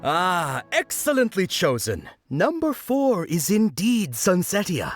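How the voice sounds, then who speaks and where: A woman's voice: on the low side, big pitch swings, slow pace, no echo, faint music behind, full character voice. A woman voicing a cheerful, showy festival vendor who plays a knight for children in a video game. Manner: showy, encouraging, addresses children playfully. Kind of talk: video game character acting.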